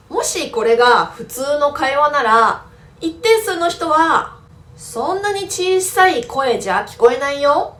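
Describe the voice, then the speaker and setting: A woman teaching a Japanese lesson, explaining patiently and asking the viewers questions. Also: sits high. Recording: roomy echo with faint background music.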